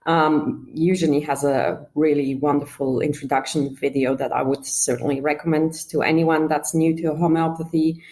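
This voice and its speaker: A woman's voice: low-pitched, steady tone, normal speed, hardly any pauses, a little mellow, poor audio. A woman from Switzerland, giving an earnest casual testimonial and sometimes searching for her words. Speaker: podcast guest giving a testimonial.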